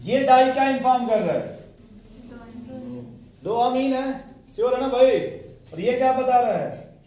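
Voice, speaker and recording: A man teaching chemistry to a class, keeping up a stream of coaxing questions and gentle teasing. His voice sits high yet sounds mellow. It rings through a very echoey classroom, picked up from some distance away. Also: a little slow. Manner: coaxing, asks students questions, jokes with them. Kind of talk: classroom lecture.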